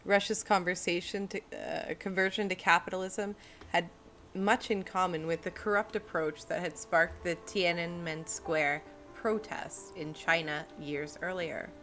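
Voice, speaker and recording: Woman, streamer, reading aloud, low pitch, joking asides, faint background music. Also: steady tone, a little slow, bright, forceful tone. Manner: reads steadily, breaks off into joking self-deprecating asides. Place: home streaming setup.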